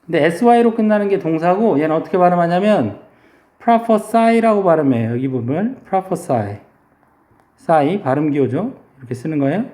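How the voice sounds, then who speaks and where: A male English teacher giving a vocabulary lesson, explaining slowly and drawing out English words to model their pronunciation. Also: fairly high pitch, lively intonation, dark tone, echoey room.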